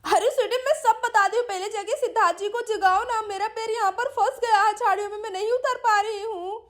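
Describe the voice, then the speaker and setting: A woman's voice: extremely high pitch, a little fast, a bit bright, pitched above the performer's own voice. A woman voicing a clumsy young woman in a doll-play story, whiny and pleading.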